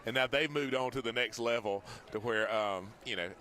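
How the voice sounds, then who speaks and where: A man from Georgia gives live sports commentary outdoors in a colloquial, animated storytelling way. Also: medium pitch, normal speed. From Wrightsville, Georgia, USA. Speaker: former football player, guest analyst. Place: outdoors at a parade.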